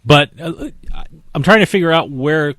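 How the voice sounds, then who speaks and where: A man's voice: fairly high pitch, lively intonation, moderate pace, fairly bright tone, no echo. A man with a New Jersey accent co-hosting a casual podcast, asking questions and chiming in often. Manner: asks questions, frequent short acknowledgments. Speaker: co-host, attorney.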